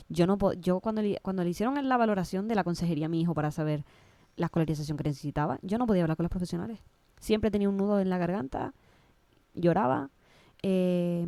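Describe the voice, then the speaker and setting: A woman's voice: fairly low pitch, warm tone, no echo. A woman with a Canary Islands Spanish accent, a guest in an interview, speaking emotionally and often restarting and repeating her words. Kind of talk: casual interview conversation.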